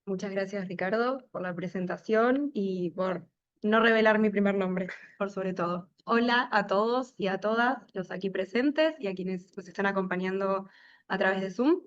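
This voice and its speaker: A woman's voice: medium pitch, normal speed, highs cut off. A woman who coordinates the event and lectures at the faculty, giving formal, gracious opening remarks in a university room.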